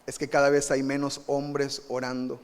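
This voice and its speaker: A man with a Mexican Spanish accent preaching a live sermon, animated and emphatic, often asking the congregation questions. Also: mid-range voice, moderate pace. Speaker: pastor. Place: church sanctuary. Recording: live church recording with long reverb.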